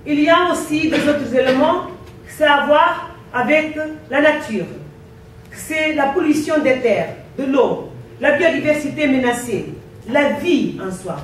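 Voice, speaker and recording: A woman from Guinea-Bissau with a foreign accent in her French, giving a conference talk in a deliberate, emphatic way with repeated phrases. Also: fairly high pitch. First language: not French. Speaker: conference presenter. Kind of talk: impassioned public talk in French as a second language. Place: indoor conference room. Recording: very echoey hall, distant mic, faint noise.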